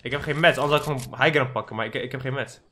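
A young man commentating his own Fortnite match for his channel, excitable and swearing, with English slang mixed in. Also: mid-range voice, racing, slight background noise. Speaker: gaming YouTuber.

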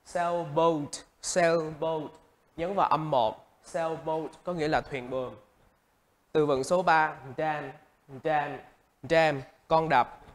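A man's voice: fairly high pitch, a bit bright. A male English teacher with a Vietnamese accent teaching vocabulary, repeating each word several times and stressing its syllables. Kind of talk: vocabulary lesson.

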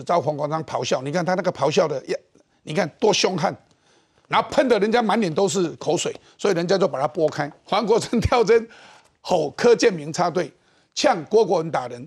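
A middle-aged man with a Taiwanese Mandarin accent hosts a political talk show, delivering animated, mocking commentary in a high, husky voice.

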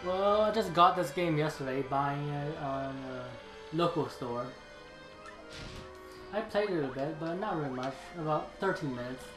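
A man's voice: a little high, unhurried, reverberant, music in the background, rough recording. A man hosting a gaming video with casual commentary as he plays. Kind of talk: casual game commentary with dialogue reading.

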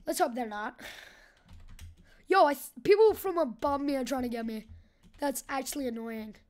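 A young woman with a high voice riffs through casual gameplay commentary. She is hyper and goofy, cracking jokes and breaking into loud yells and silly chants. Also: normal speed. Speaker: gaming channel host.

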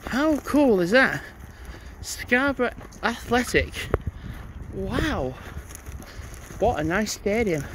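High-voiced vlogger in wind. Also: male voice, sing-song, takes it slowly. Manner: chatty, thinks aloud, reads signs out. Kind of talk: casual walking vlog narration. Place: outdoors on snowy paths by a stadium. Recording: wind noise on an outdoor mic.

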